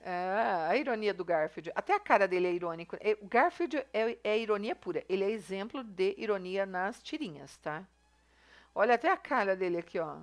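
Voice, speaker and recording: A woman's voice: mid-range voice, expressive, a little fast. A woman teacher explaining a review lesson in a chatty way, often checking in with her students. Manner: chatty, explaining step by step with frequent "tá?" and "né?". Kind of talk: recorded class review lesson.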